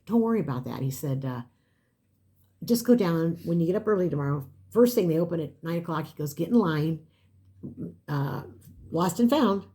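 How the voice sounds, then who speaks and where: This is an older woman in casual conversation, spinning a family story. She acts out the other people's lines as she goes, with a voice that sits a bit low. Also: normal speed. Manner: animated storyteller, acts out quotes. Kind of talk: casual chat.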